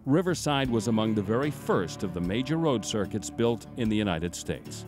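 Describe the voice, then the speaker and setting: A man giving scripted documentary narration in a measured, formal storytelling manner. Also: fairly low pitch, animated. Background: guitar music.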